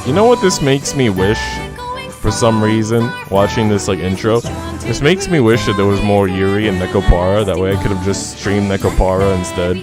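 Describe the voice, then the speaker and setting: His voice is on the low side and his speed normal as he live streams with music playing underneath. Joking and teasing in slang, he alternates between casual talk and reading story narration aloud.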